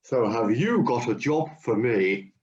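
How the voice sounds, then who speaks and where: In a comic radio play, a man plays Hercules, a strong, keen, overconfident hero hunting for a job, earnest in mood and cheerfully overconfident yet matter-of-fact. His medium-pitched voice is expressive and darkish, close to everyday, at a measured pace, on dull lo-fi audio.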